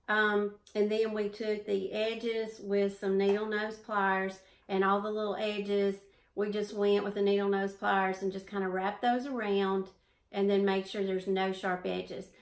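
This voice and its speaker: A woman's voice: mid-range voice, echoey room. A woman with a Southern US accent, casually explaining a DIY craft project in a chatty, folksy, self-deprecating way. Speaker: craft video host.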